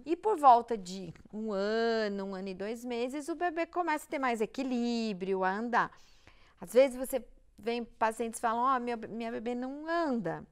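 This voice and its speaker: A woman's voice: a little high, moderate pace, clear, resonant tone. A woman with a Brazilian accent, a pediatrician guest patiently explaining child development step by step in a reassuring way. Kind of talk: explanatory interview talk.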